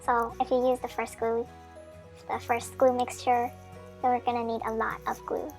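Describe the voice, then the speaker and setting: A woman's voice: fairly high pitch, level tone, normal speed, soft background music. Woman's sped-up chipmunk voice. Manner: chatty, friendly instructions with small slips. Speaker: craft tutorial maker. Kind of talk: casual how-to voice-over.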